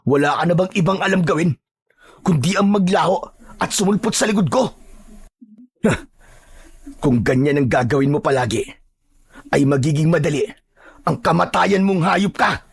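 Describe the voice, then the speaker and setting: A man playing a furious young hero who yells in defiance in an audio horror story. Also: a little high, normal speed, gravelly, pauses often, husky, no echo, pitched above the performer's own voice. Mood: defiant. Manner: shouting, enraged.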